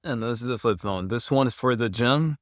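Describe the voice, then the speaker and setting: A man's voice: mid-range voice, fairly quick, no echo, clean studio sound. A man in his thirties from Kuwait, a film student, chatting playfully in a documentary interview. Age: 30s.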